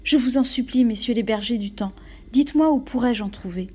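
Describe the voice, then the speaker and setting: A woman voicing a frightened young girl in a storybook, speaking softly and imploringly. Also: on the high side, a little fast, husky. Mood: pleading. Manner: soft and imploring.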